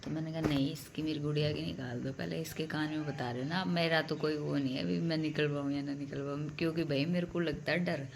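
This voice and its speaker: A woman's voice: low voice, very animated, normal speed, creaky, a little hiss or hum. A young woman vlogger casually telling a story at home to her viewers, chatty and direct. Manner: chatty, addresses viewers as bhai.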